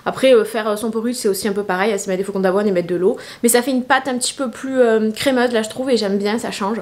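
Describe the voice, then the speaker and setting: Young woman, slightly high voice, tired, rambling beauty vlog chat. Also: steady tone, fast, darkish tone. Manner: chatty, rambling with many fillers. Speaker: beauty vlogger. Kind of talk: casual get-ready-with-me vlog. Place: her bedroom.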